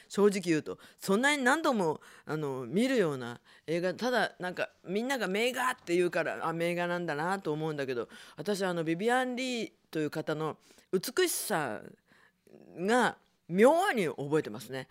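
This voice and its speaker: A middle-aged woman hosts a late-night radio show, casually chatting with listeners and reading their letters in a low, relaxed, natural voice, with a slight coloring to her speech. Though her pitch sits fairly low, it swings widely, making her sound animated and self-deprecating as she laughs easily.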